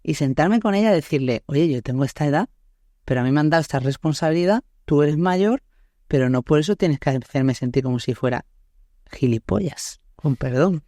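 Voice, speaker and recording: In clean, dry studio sound, a thirty-something woman from Málaga, Spain, chats casually on her podcast, laughing and tossing in tag questions. Her low-pitched voice is warm and expressive, and she talks fairly quickly.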